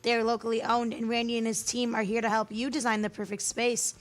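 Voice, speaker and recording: A woman hosting a morning radio show from the studio, reading sponsor copy in a bright, friendly way. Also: fairly high pitch, level tone, fast. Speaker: radio host.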